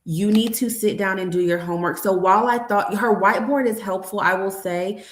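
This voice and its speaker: A woman's voice: mid-range voice, steady tone, fairly quick. Candid woman guest in an echoey room. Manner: candid, storytelling, acts out dialogue with her daughter. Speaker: guest, nurse educator and mother. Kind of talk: conversational interview.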